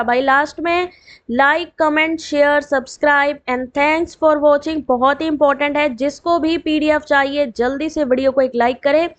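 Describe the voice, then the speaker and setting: A woman teaching an exam revision lesson online, reading out full forms slowly with quick chatty asides to her students and a dry throat. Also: high voice, highs cut off.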